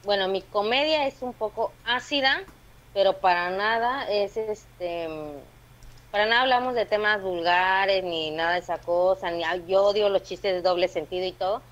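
A woman stand-up comedian with a Veracruz Mexican accent, chatting in an interview with lively, intense storytelling. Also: medium pitch, moderate pace, lo-fi sound. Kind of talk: casual interview chat.

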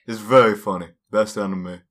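A young man co-hosting a casual comedic chat, teasing and deadpan. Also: fairly low pitch, normal speed. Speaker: podcast co-host.

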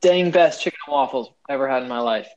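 A man's voice: medium pitch, fast talker, a loud crowd, low-quality recording. A man co-hosting a podcast over a call, laid-back and enthusiastic. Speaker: podcast co-host. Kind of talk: casual chat. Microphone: remote call, Bluetooth.

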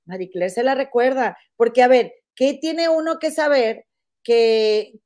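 Mujer parlanchina con acento del norte de México. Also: female voice, a little high, measured pace. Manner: chatty, animated, keeps saying "comadre". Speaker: podcast host. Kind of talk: casual gossip chat.

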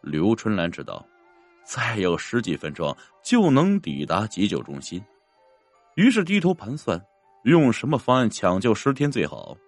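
A man narrating a dramatic story in an expressive, theatrical manner. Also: moderate pace, dry recording, faint music behind. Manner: expressive, swinging pitch.

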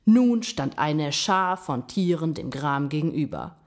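A woman reading a fable aloud in a measured, expressive way. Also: low voice. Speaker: storyteller. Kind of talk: reading a children's story aloud.

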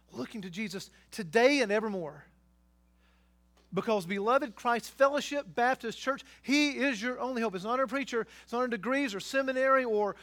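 Pastor, male, high-pitched voice; fervent sermon, swells from quiet to loud exhortation. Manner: emphatic, building to loud exhortations with rhetorical questions.

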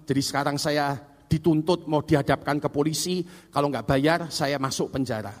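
A man's voice: a little high, moderate pace, long reverb tail, pitched below the performer's own voice, close to an everyday voice. A man doing a meek ashamed young guy.

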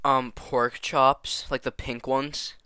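A man's voice: medium pitch, level tone, slow, sharp tone, clean tone, dry recording. A young man hosting a casual podcast over a call on a headset, teasing and prompting his friend. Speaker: podcast host.

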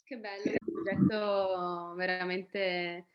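A woman's voice: fairly low pitch, little pitch movement, slow pace. A woman co-hosting a podcast in casual conversation. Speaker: podcast co-host. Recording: dull lo-fi call audio.

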